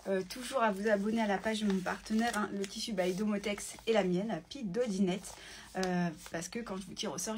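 A woman talking casually on a phone in selfie mode during a live giveaway, chatty and quick, reading viewer comments aloud. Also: a little high, a little hiss or hum. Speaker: sewing shop owner hosting a live giveaway. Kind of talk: casual live stream chat.

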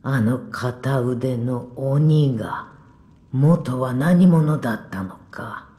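A woman voicing a weary, blunt but kindly old village woman in a game cutscene, speaking gruffly and unhurriedly with soft whispered asides. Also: very deep voice, extremely slow, exaggerated voice.

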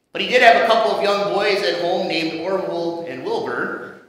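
A male pastor with a high, bright voice tells the sermon's story in a measured, dramatic way. His voice rings out through a large church, with a long, echoing reverb trailing every phrase. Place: church sanctuary. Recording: echoey church hall reverb.

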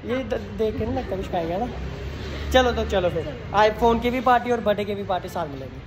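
Filming on his phone, a young vlogger chats to camera in a high-pitched, lively, brisk voice, addressing viewers as guys and friends. He moves between the town outdoors and a crowded restaurant, and the noisy clip picks up music and chattering crowds.

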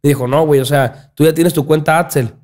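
A young man with a Sinaloa Mexican Spanish accent, talking casually on a podcast in a small studio, animated and often restarting his words. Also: on the high side, a little fast. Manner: animated, gestures a lot, repeats and restarts words. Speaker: podcast guest, content creator. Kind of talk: casual chat. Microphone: studio mic on boom arm, headphones.

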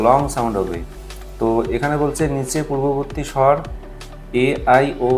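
Patient man teaching reading rules. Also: mid-range voice. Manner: patient, repeats examples word by word. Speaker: English teacher.

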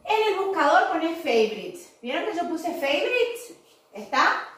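High-voiced teacher in an echoey room. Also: female voice, sing-song, measured pace, a bit bright. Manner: explains step by step, often checks with "¿sí?". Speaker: English teacher. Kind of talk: recorded online class for young pupils. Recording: very echoey room, voice far from the mic.

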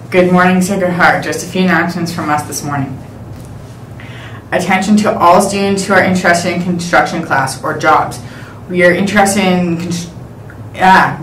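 A woman with a fairly low voice reads the school's morning announcements and prayer in a steady, measured way. She comes through the intercom, echoey and set back from the mic, with faint room sound behind her. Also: far from the mic, a little hiss or hum. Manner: steady, measured reading aloud. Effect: over the school intercom.

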